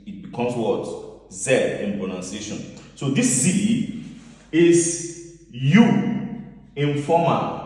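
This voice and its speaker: Slow teacher in an echoing hall. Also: male voice, medium pitch, a little mellow. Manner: repetitive, asks the listener questions. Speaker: language teacher. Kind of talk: classroom-style lesson. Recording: roomy echoing hall, mic far off.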